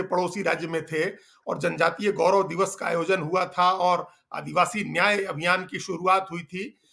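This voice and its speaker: A man's voice: sits high, vocal fry, sharp tone. A man, a political journalist, explaining the news emphatically in a discussion and repeating phrases for stress.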